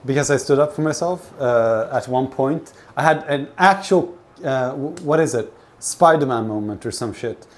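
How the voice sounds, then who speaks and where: A medium-pitched man streams live from his home kitchen in Sweden as he cooks, casually swearing and stumbling through meandering stories about his life. He was raised with several languages, and Swedish is not his first. The clip clearly picks up frying food and the ambience of the kitchen.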